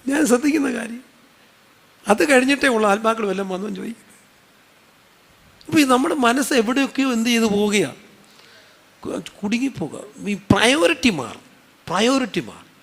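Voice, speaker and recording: A man's voice: very high-pitched, expressive, fairly quick, pauses often, a bit bright, big-room sound. A man with a Malayali accent preaching a sermon, putting questions to his listeners and answering them himself, with conversational, humorous asides.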